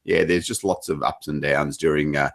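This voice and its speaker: A man with an Australian accent, a table tennis coach chatting casually on a regular show, animated and jumping up in pitch when he talks. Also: moderate pace, vocal fry. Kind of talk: casual chat.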